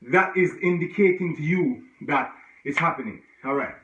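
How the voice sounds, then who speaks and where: A man coaching a home workout with a bright, forceful voice and an encouraging, chatty way of explaining each move. He sounds out of breath at times and grunts between moves. He is heard from some distance in an echoey room, through a dull, lo-fi recording. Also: on the high side, moderate pace, a little hiss or hum. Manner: encouraging, chatty, breaks off mid-exercise with grunts. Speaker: fitness instructor.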